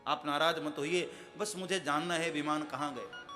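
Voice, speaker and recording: A man's voice: a little high, moderate pace, music in the background, close to an everyday voice. A man voicing an eager, pleading goddess wife. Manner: coaxing, insistent pleading.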